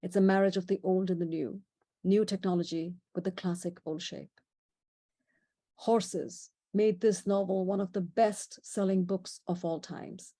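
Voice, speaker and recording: In a medium-pitched, steady, mellow voice, unhurried, a middle-aged Indian woman with an Indian accent presents an illustrated talk about horses through history and culture. Her delivery is chatty, sprinkled with asides and little laughs.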